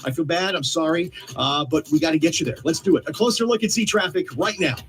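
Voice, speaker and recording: High-pitched man, radio DJ. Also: quick pace, loud music behind the voice. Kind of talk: upbeat radio host chat.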